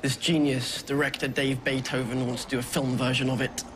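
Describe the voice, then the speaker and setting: A man's voice: medium pitch, flat delivery, fairly quick. A man who speaks in a blunt, self-assured way. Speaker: writer. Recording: crowd noise behind.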